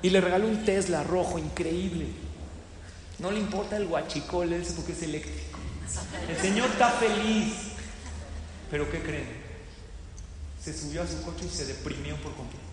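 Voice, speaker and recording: A man giving a sermon to a live audience, telling stories lively and putting questions to his listeners. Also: on the high side, normal speed, long pauses, a little hiss or hum. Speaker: religious teacher. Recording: echoey hall with long reverb.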